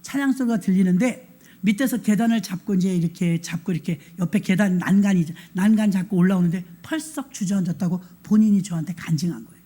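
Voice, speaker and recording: A middle-aged woman pastor telling stories in a sermon, acting out the dialogue in quoted voices and moving between hushed asides and emphatic appeals. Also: medium pitch, quick pace. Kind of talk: storytelling sermon.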